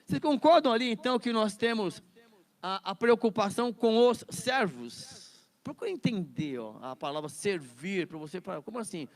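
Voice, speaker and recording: A man's voice: high voice, expressive, moderate pace. A man teaching a Bible study lesson in a chatty way, laughing often and repeating words.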